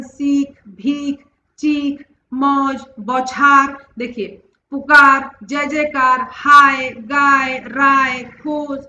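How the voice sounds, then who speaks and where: Woman teaching a grammar class, high bright voice, keeps asking questions then answering, echoey room, kinda dull lo-fi sound. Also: a little hiss or hum. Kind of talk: classroom-style grammar lesson.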